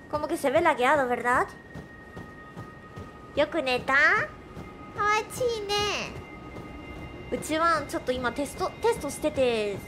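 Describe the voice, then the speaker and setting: A woman streaming casually, excitable and quick to shriek when startled, slipping into Japanese and English phrases. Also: high-pitched. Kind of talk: casual live-stream chat.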